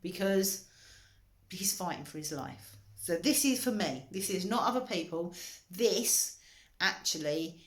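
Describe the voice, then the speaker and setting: A middle-aged woman speaks in a fairly low voice, sharing a candid self-help talk with earnest feeling. She swings between urgent outbursts and hushed, almost whispered asides. The room around her rings with echo. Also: lively intonation, a little slow. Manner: earnest and emotional, rising to urgent, dropping to near-whisper. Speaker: wellbeing author and coach. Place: indoor room, moving around.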